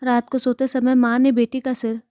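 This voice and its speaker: A woman narrating an emotional family story and voicing all the parts herself, with a soft, dramatic delivery. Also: on the high side, little pitch movement, moderate pace, no room sound. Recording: dull lo-fi dry recording.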